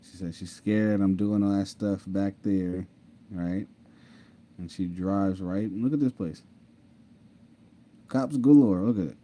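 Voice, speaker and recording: This man's mellow, low-pitched voice moves slowly and pauses often as he casually tells viewers his own story over screen share. He repeats himself, laughs and says "mind you."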